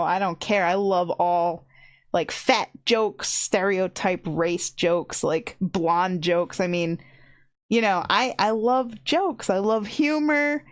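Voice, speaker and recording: A woman in her thirties chatting casually on a stream, rambling with lots of "like" and frequent laughs. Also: medium pitch. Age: 30s. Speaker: VTuber streamer.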